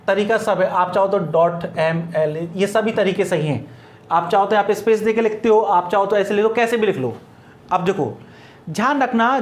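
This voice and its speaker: A male teacher walks his class through a grammar rule. He spells words letter by letter and keeps asking rhetorical questions before answering them himself. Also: high voice. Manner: drills students with repeated rhetorical questions.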